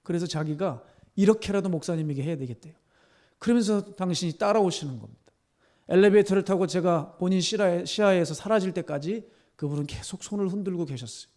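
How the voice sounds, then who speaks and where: A man preaching a sermon as pastor, telling a story that swings from soft near-whispers to tearful, fervent climaxes. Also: high-pitched, a little fast. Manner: storytelling, rising to emotional fervor, dropping to soft near-whispers.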